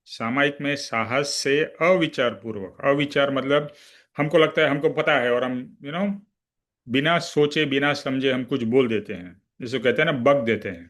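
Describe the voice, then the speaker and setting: A man's voice: mid-range voice, normal speed, fairly bright tone. A man with an ordinary mid-range voice leads a spiritual study class. He explains patiently, mixes English words into his talk, and keeps checking in with his listeners. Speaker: spiritual teacher.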